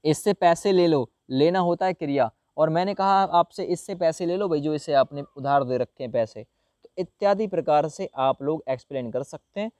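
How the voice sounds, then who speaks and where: A man's voice: a little high, moderate pace, darkish tone, no room sound, studio quality. A man teaching a grammar lesson to a class of viewers, calling them friend and brother and acting out example sentences as he asks them questions.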